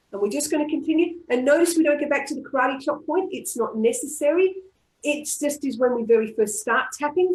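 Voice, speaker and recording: Australian woman calmly guiding a tapping session. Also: a little high. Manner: calm, repetitive affirmation-style phrasing. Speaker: EFT tapping practitioner. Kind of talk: guided group tapping session. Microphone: online video call. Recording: roomy echo.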